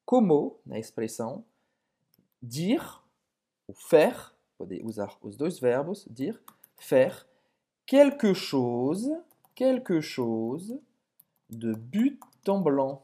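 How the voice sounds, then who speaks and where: A woman co-hosting a podcast language lesson. She says French words slowly and repeats them for listeners to copy. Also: rumbling low, sing-song, warm tone. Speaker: co-host and French teacher.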